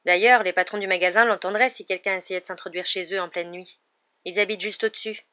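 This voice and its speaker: A woman voicing an excitable, easily indignant teenage boy wizard, in a dull lo-fi recording. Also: mid-range voice, fast, no echo, natural voice. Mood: reassuring. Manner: eager and indignant.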